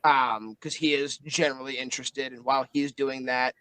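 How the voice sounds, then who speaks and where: A man narrating as game master of a tabletop game, halting and full of fillers. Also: mid-range voice, steady tone, bright, forceful tone, clean tone, dry recording.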